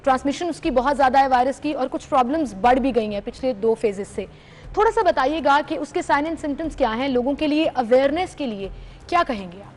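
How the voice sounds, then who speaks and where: A woman's voice: high-pitched, animated, brisk. Chatty Pakistani female host. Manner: chatty, mixes English phrases. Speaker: morning show co-host. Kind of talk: interviewing.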